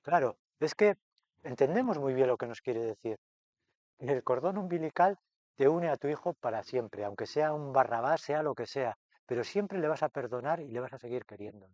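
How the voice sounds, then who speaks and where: A middle-aged man giving a lively literature lesson to a class, acting out quoted lines with a raised voice. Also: mid-range voice, normal speed, dry recording, muffled recording. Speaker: literature workshop teacher.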